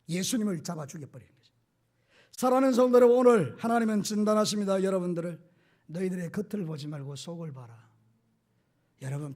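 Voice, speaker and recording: High-voiced pastor preaching dynamically. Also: male voice, breathy edge. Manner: dynamic preaching, swings from hushed to shouting, acts out quotes. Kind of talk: sermon.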